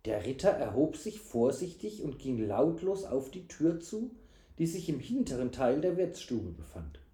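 Slow, animated male storyteller. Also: fairly high pitch. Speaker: audiobook narrator. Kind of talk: storybook narration. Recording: echoey room.

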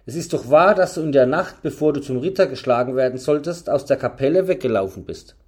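A man reading the part of a famous knight who leads his band, speaking patiently and with calm authority in an audiobook. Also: medium pitch, slightly rough. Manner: patient, measured and commanding.

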